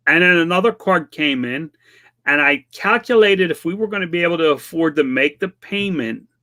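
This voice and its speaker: Bright-voiced man in his fifties. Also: a little high. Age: 50s. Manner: plainspoken, conversational and self-deprecating. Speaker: vlog host answering viewer questions. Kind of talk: casual chat.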